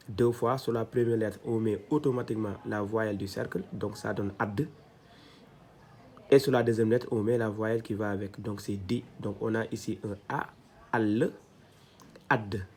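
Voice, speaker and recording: A man teaching a reading lesson step by step, patient and repeating each syllable slowly so learners can follow. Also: lowish voice, dark tone, a little hiss or hum. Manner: slow, patient, repeats syllables to model them.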